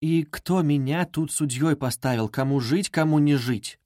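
A man's voice: a little high, moderate pace, darkish tone, dry recording, close to an everyday voice. A man voicing a timid, anxious young woman who pleads in a pained tone, read as an audiobook in a dry studio. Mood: anguished. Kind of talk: audiobook reading.

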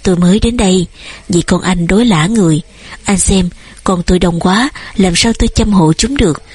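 A woman reading an audiobook, voicing an indignant middle-aged neighbor woman in her own voice, in a sharp, scolding manner. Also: on the low side, moderate pace, breathy edge, no echo.

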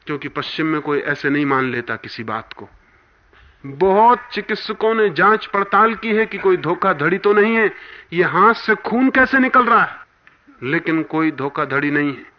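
A man giving a spiritual discourse, emphatic, with forceful rises and sudden hushed drops. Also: on the high side. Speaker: spiritual teacher. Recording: dull lo-fi archival talk recording.

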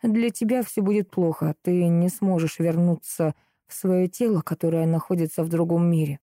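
Woman reading as a calm young dark mage. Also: on the low side, moderate pace, no room sound, clean studio sound, close to an everyday voice. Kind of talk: audiobook character reading.

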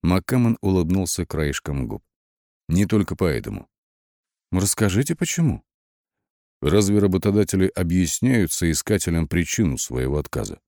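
A man narrating an audiobook in the first person, with lively, wry storytelling and shifting emphasis. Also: sits low, moderate pace, dry recording, clean studio sound.

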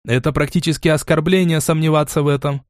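A man's voice: fairly high pitch, steady tone, quick pace, no room sound, studio quality, pitched above the performer's own voice, lightly acted. A man voicing a stern, imperious middle-aged queen in an audiobook, giving thundering commands. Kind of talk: audiobook character voice.

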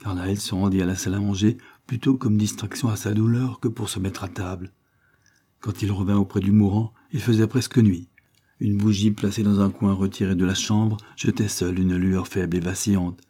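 A man narrating a classic novel in a measured, low reading voice. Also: steady tone, dark tone. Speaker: audiobook narrator.

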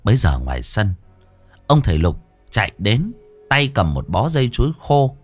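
A man narrating a ghost story in an expressive, dramatic way. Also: lowish voice, moderate pace, soft background music.

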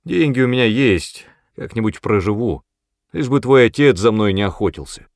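A man's voice: lowish voice, animated, normal speed, no room sound, clean studio sound. A man voicing a bold orphan boy who talks back in a ringing, defiant voice. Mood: eager.

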